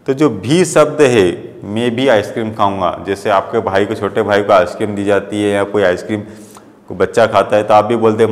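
A man's voice: mid-range voice, in a large hall. A male school teacher giving a grammar lesson, explaining in simple terms and often checking that his students follow him.

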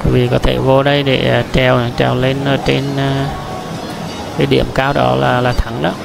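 A man's voice: mid-range voice, monotone, moderate pace, gravelly, over music, rough recording. A man giving casual walking-tour commentary through a large indoor amusement park, chatty, talking straight to his viewers with many fillers and restarts.

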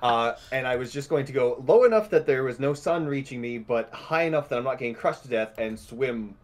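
A man's voice: medium pitch, expressive, brisk. Man joking around as a game player. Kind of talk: casual, joking game chat.

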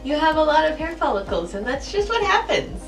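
A woman's voice: sits high, big pitch swings, a little fast. A young woman chatting casually in a giggly, tipsy way. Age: young adult. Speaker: makeup challenge vlogger. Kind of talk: casual chat. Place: small indoor room at home. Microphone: camera a few feet away. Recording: distant camera mic, music behind.

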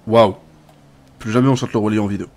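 A man's voice: fairly low pitch, very fast. A young man giving casual, chatty gameplay commentary as a gaming YouTuber. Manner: chatty, bursts into excited shouts and laughs.

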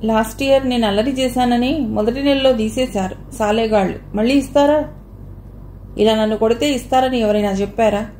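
A woman's voice: on the high side, fairly even intonation, fairly quick, hardly any pauses, mellow, roomy sound, a little hiss or hum. A woman reading a novel aloud as an audiobook narrator, with light changes of voice for each character's dialogue.

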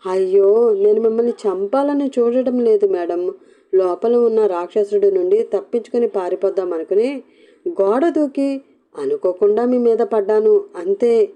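A woman's voice: mid-range voice, moderate pace, warm tone, close to an everyday voice. A woman voicing a scared young woman begging and pleading in a storybook reading. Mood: frantic, pleading. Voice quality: pleading, tearful. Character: frightened young woman, begging, fleeing a captor.

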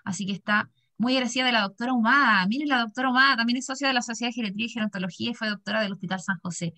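A woman in her thirties with a Chilean accent, moderating a video-call workshop, chatty and lively as she reads out comments. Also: a little high, racing. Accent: Chilean Spanish. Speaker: session moderator. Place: small bright office indoors. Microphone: laptop webcam mic on a video call.

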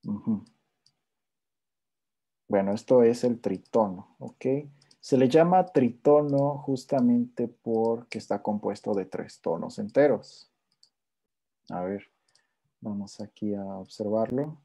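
A man teaching a relaxed music theory lesson, explaining step by step and often checking in with his listeners while playing examples on guitar. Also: on the low side, slow pace, pauses often. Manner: plays intervals on guitar between phrases.

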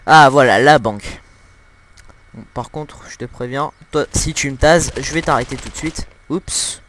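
At home with a desktop mic, a young man does a let's-play full of crude jokes, laughter and filler words. He speaks at normal speed in a mid-range voice over a noisy background.

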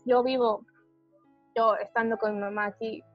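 A woman tells her own story in a halting, hesitant way, often stopping to restart a phrase. Her voice sits fairly high, and the sound is dull and lo-fi. Faint music plays underneath. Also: little pitch movement. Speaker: interviewee describing her panic attacks. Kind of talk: personal testimony in a conversation.

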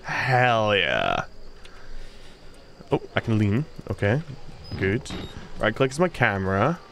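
A man's voice: fairly low pitch, sing-song, slow, vocal fry, a bit bright, slight background noise. A man casually commenting while playing a horror game, joking around and reading chat aloud. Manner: joking, reads chat aloud, playful silly voices. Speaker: gaming streamer. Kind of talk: casual let's-play commentary.

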